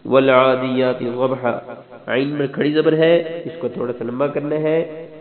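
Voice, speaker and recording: A man teaching Quran recitation rule by rule, explaining briskly and methodically. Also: a little high. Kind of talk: step-by-step recitation instruction. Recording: tinny, echoey, phone-like sound.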